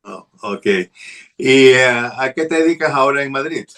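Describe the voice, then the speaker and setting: Bright-voiced male interview host. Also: medium pitch, normal speed. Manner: friendly, short prompting questions. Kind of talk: interview hosting.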